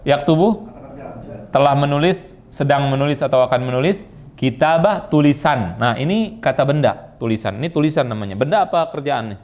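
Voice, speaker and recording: An Indonesian-accented man teaching an Arabic grammar class, quizzing students with quick questions and repeating their answers. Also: medium pitch, lively intonation, a little mellow, a little hiss or hum. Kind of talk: classroom lesson.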